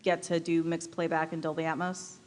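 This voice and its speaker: Moderator lady, low-ish voice, asking questions, faint hall echo and room noise. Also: flat delivery, brisk. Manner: inquisitive, prompting questions. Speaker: panel moderator. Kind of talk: moderating a panel. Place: live event hall.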